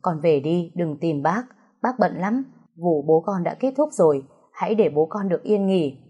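A woman's voice: fairly low pitch, expressive, normal speed, mellow, husky, lo-fi sound. A woman voicing an older uncle who brushes people off in a curt, guarded way. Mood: dismissive.

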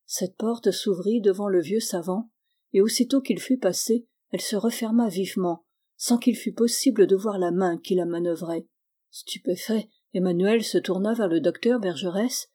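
Woman reading an old novel aloud, warm mellow voice, steady pace. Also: mid-range voice, normal speed, slightly rough. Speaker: audiobook reader. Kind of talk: scripted narration.

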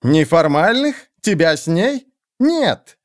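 A man's voice: a little high, sing-song, slow. A man voicing a bumbling king who turns flustered and blustering. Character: flustered bumbling king, pompous when cornered.

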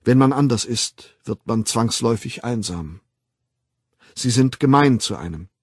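A man's voice: medium pitch, expressive, a little slow, breathy edge, no echo, clean studio sound. A man voicing an earnest, lonely young man in an audiobook. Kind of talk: audiobook reading.

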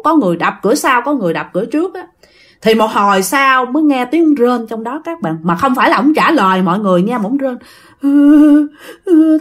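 A woman with a Southern Vietnamese accent telling a ghost story, talking straight to her listeners. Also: fairly high pitch. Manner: animated, addressing listeners directly.

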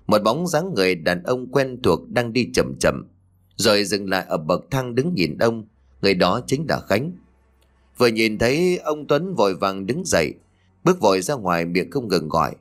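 A man narrating a scripted ghost story in a dramatic, expressive reading. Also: fairly low pitch.

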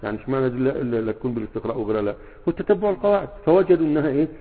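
A man's voice: mid-range voice, very fast, breathy edge. A man with an Egyptian accent, a sheikh teaching a grammar class, who keeps prompting his students with fill-in questions and checks that they follow. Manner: fills gaps with quiz-like questions and checks the students often. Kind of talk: classroom lesson. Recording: tinny phone-like sound in a reverberant hall.

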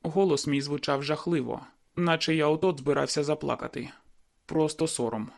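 A man's voice: on the high side, fairly even intonation, normal speed, creaky. A man reading a first-person novel aloud in a brooding, inward manner. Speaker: audiobook narrator. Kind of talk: first-person audiobook narration.

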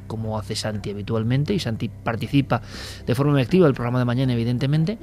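A male radio host talks in an emphatic, rhetorical way and keeps turning to his listeners as friends. His voice sits at an ordinary middle pitch. Faint music plays underneath. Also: a little mellow. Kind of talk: late-night radio talk.

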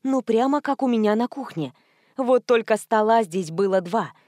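A woman reading a first-person audiobook aloud, telling the story in a wry, lively way. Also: a little high, normal speed, no room sound, studio quality. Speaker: audiobook reader.

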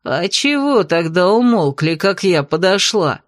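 A woman voicing a big, nosy young bride who drawls her prying questions slowly. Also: on the low side, big pitch swings, no room sound, clean studio sound.

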